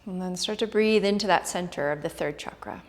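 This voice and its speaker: A woman yoga instructor giving guided relaxation in a soft, hushed, gentle and soothing voice, with pauses. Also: lowish voice. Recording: reverberant hall-like room echo.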